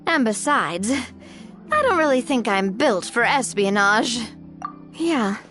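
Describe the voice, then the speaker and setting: A poised young woman leader in an animated game. Her high voice moves expressively, polite and friendly but firm, with faint music underneath. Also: heavily acted. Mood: reassuring, friendly.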